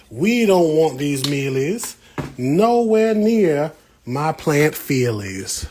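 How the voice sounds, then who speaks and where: A plant vlogger, an American man, hosts a livestream and chats casually with viewers while he works, in a folksy, slangy way. His voice is mid-range with a darkish tone. Background noise comes through clearly, along with room ambience.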